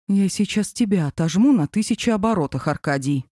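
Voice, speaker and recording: A woman's voice: mid-range voice, lively intonation, fairly quick, dark tone, dry recording, natural voice. A woman doing a prim, dry female boss. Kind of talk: audiobook character reading.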